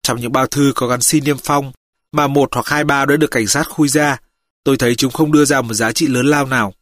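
A calm, methodical detective lays out his findings in a measured way, read by a man in his own voice. The storybook reading has a mid-range voice. The sound is dry and close. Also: mid-range voice, no echo, lightly acted. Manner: steady, measured reporting. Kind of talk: audiobook reading.

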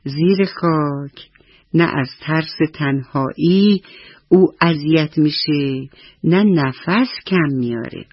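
A husky-voiced woman voicing a patient old grandmother in a radio bedtime story, lower and slower, soothing and affectionate. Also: lively intonation, no echo. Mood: gently explaining. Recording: slightly dull radio recording.

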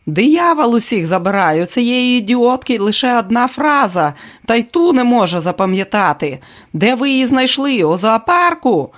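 A reader voicing a shouting film director. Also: medium pitch, very animated, moderate pace, voice pushed up. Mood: furious. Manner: yelling, insulting, impatient. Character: bad-tempered male film director, shouting orders on set. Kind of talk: audiobook character voice.

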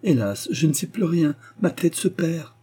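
A weeping old pastor, as the narrator plays him, pitched somewhat above the reader's own voice, with a pleading, crying quality. The voice stays husky and dark underneath. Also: male voice, animated, moderate pace. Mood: distraught. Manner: pleading, distraught. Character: tearful, devoted old pastor.

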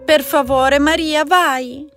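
A spoiled, childish older sister in a storybook, as a woman narrator puts her on, wheedling in a high, soft voice. Soft music plays behind her. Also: steady tone, slow pace, dry recording, exaggerated voice.

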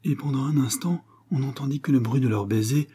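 A man reading a romance novel aloud as an audiobook narrator, in a measured literary manner. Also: mid-range voice, mellow, breathy edge.

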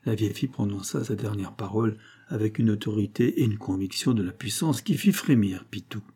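A man narrating a classic novel in a measured, wry manner as an audiobook reader. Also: lowish voice, mellow, husky. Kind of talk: scripted literary narration.

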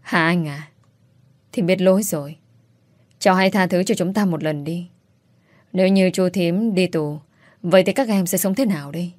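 A woman reading as a desperate middle-aged aunt who begs and implores for mercy. Her voice is low, and the recording is close and dry. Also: normal speed, pauses often, a little mellow, dry recording, close to an everyday voice. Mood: pleading. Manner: imploring, begging. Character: pleading middle-aged aunt begging forgiveness. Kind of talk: audiobook character voice.

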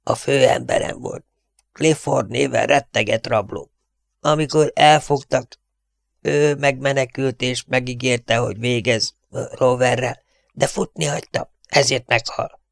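Mad outlaw father in an audiobook, hoarse hissing whisper, wheezy and menacing, voiced by a male reader, dry close sound. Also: mid-range voice, steady tone, dry recording, pitched above the performer's own voice, natural voice. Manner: menacing, cackling, barking. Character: crazed vengeful outlaw father, raspy whisperer.

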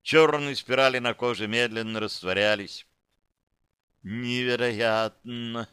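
A man's voice: mid-range voice, lively intonation, measured pace, pushed and bright, clear, resonant tone, dry recording. A man narrating an audiobook in the first person, in a dry, wry, matter-of-fact way.

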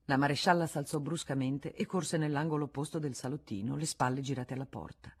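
A woman reading a classic novel aloud in a measured, expressive way. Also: deep voice, husky. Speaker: audiobook reader. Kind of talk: literary audiobook narration.

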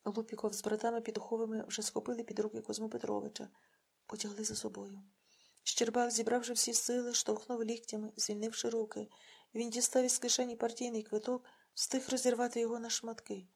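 A woman reading a novel aloud in an earnest, measured narration. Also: on the high side, level tone, vocal fry, darkish tone, breathy edge. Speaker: audiobook reader. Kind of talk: scripted narration.

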